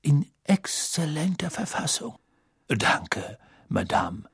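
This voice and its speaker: A man voicing a gracious, courteous old headmaster who speaks politely and gently. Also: a little high, sing-song, takes it slowly, gravelly, husky, no room sound, studio quality, voice pushed up, exaggerated voice. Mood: welcoming.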